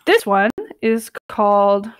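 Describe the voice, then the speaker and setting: A woman's voice: mid-range voice, lively intonation, takes it slowly, clean tone, dry recording, studio quality. A young woman casually reading online stories aloud and commenting on them, chatty and giggly. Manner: chatty, giggly, lots of filler words. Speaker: channel host reading stories.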